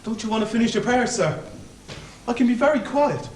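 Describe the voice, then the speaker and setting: A man's voice: very high voice, fairly quick, slight background noise. A young man playing a grovelling convict. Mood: pleading. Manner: grovelling, stammering, rambling. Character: fawning anxious male Irish convict hangman. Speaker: student actor. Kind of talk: stage play acting. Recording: echoey stage from far off.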